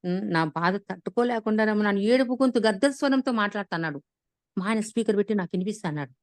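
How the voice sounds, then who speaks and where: A woman, casually retelling a personal story on a video call, animated and full of restarts. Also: mid-range voice, very fast, no room sound. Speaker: class participant sharing an experience.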